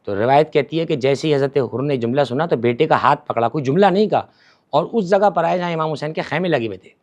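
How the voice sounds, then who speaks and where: A male religious scholar with a fairly high voice tells a story with real emotional pull. He shifts from forceful stretches to near-hushed passages and repeats words to drive his points home. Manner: dramatic, swings between forceful and hushed. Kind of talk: emotive storytelling in a podcast interview.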